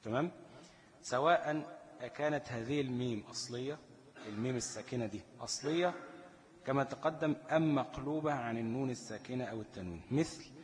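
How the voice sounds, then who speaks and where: An Egyptian man teaches recitation rules in a mid-pitched voice, tossing questions at the listener and then answering them himself. He draws out the chanted examples slowly, and a long reverb trails his words. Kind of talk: tajweed lesson in colloquial Egyptian Arabic.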